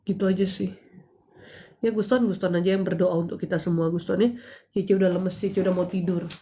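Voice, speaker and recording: A woman's voice: fairly low pitch, steady tone, fairly quick, mellow. Chatty woman in her 30s on a live stream, teasing and preachy by turns, casual advice talk. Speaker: live-stream host giving spiritual advice.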